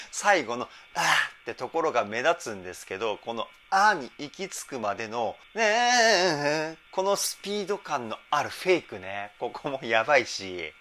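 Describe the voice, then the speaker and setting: A man working as a vocal trainer, giving enthusiastic reaction and vocal analysis commentary and breaking into short sung demonstrations and falsetto examples. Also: fairly bright tone.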